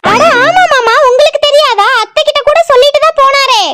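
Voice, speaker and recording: A woman voicing a cheeky, sharp-tongued young daughter-in-law in a cartoon, with a southern Tamil Nadu accent and quick sassy retorts. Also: very high-pitched, very noisy. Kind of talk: cartoon voice acting.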